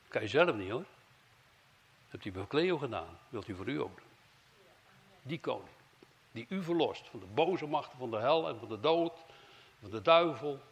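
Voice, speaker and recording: A man preaching a sermon with fervor, swinging between loud emphatic phrases and low hushed ones.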